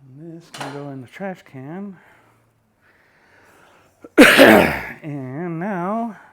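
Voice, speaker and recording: A man's voice: a little high, lively intonation, drawn-out words, fairly bright tone, a little hiss or hum. A man in a home workshop, chatting in an easygoing, folksy way while he welds and explains his steps. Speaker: home welder and mechanic. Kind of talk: casual workshop how-to vlog.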